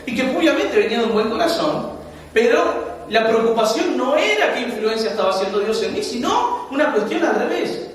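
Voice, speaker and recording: Man, Uruguayan accent, pastor's sermon, very high pitch, far from the mic, long reverb. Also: normal speed, a little hiss or hum. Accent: Uruguayan Spanish. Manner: animated storytelling, laughing asides. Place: church hall. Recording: echoey hall, mic far off.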